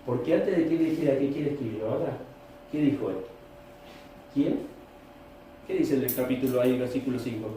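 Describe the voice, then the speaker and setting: A man's voice: mid-range voice, normal speed, long pauses, warm tone. A man with a Rioplatense Spanish accent preaching a sermon as pastor, questioning his congregation. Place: church hall. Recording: echoey room, distant mic, faint noise.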